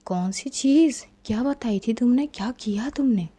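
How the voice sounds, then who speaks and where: A woman's voice: a little high, normal speed, warm tone, lightly acted. A woman reading the lines of a teasing, playful young woman in love in a spoken storybook.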